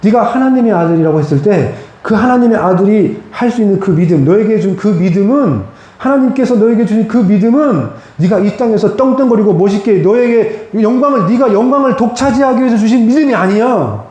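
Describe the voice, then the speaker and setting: A pastor with a high-pitched, darkish voice delivers his sermon expressively and fairly quickly. His words to the congregation are earnest, direct, and plain, echoing heavily through the church hall.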